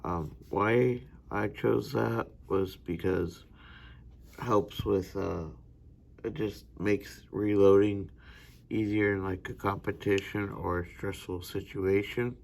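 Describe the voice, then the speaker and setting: A slow-talking American man walks through a hands-on demonstration, pausing often with fillers. His voice sits low and carries a gravelly rasp. He sounds like a student presenting a practical lesson. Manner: unhurried, hesitant with fillers. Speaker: gunsmithing student. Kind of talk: instructional demonstration.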